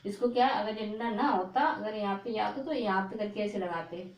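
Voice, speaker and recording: A woman teaching a reading lesson, stretching out each word slowly and checking in with "okay" after each one. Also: medium pitch. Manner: slow, drawn-out repetition of words, frequent "ok" checks. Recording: echoey room.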